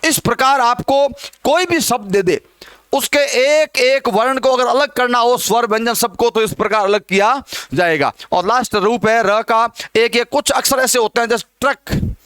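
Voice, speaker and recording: A man's voice: extremely high pitch, normal speed, fairly bright tone, clear, resonant tone, dry recording. A man teaching a Hindi grammar lesson who keeps asking questions and answering them himself, repeating the key words.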